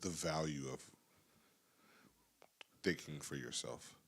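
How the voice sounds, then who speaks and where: Male podcast host with a very low voice, earnest and emphatic. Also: slow, fairly bright tone, a little hiss or hum. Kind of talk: casual podcast conversation.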